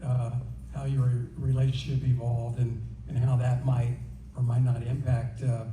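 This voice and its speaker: A man with a medium-pitched, very dark and soft-edged voice asks a hesitant reporter's question in a flat tone. He is distant in an echoey press room. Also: a little slow. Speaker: newspaper sports reporter. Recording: echoey room, distant mic, faint noise.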